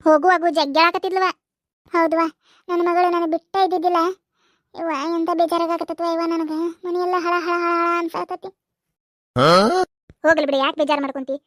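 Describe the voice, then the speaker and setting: A woman's voice: very high voice, fairly even intonation, a bit bright, dry recording, studio quality. A woman with a North Karnataka accent, voicing chatty village characters for a cartoon comedy. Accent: North Karnataka Kannada. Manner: quick, chatty village banter. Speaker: cartoon voice artist.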